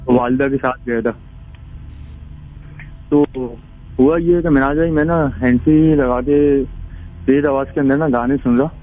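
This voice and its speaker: A man's voice: medium pitch, fairly even intonation, a little slow, pauses often, faint music behind. A man calling in to tell a ghost story in a rambling, casual way, with many restarts. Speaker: caller. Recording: tinny phone line.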